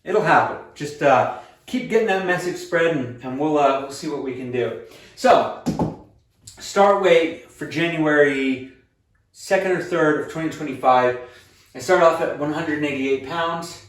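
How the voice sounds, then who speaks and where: A man's voice: fairly high pitch, a little slow, far from the mic. Earnest young man in an echoey room. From USA. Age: 20s. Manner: earnest, upbeat, self-encouraging, many fillers and restarts. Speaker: vlogger. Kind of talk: casual weight-loss vlog. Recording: echoey room, voice off-mic at times.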